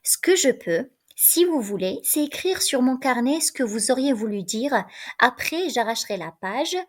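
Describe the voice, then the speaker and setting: A woman reading a gruff, self-important male guard. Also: fairly high pitch, animated, moderate pace. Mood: grumbling.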